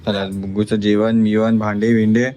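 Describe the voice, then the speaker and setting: A man's voice: lowish voice, little pitch movement, normal speed, warm tone. A man vlogging about his family, talking to viewers while firmly coaxing and teaching his small child at mealtime. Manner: coaxing and firm, teaching a toddler.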